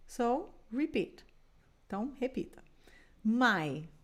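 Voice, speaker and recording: Slow-paced Brazilian woman teaching English. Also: a little high, big pitch swings. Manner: patient, drills words slowly for repetition. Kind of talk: online language lesson.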